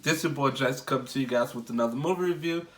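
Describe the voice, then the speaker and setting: A young man with a medium-pitched voice talks fast, sounding congested and under the weather. He rambles casually through a movie review, full of fillers and restarts.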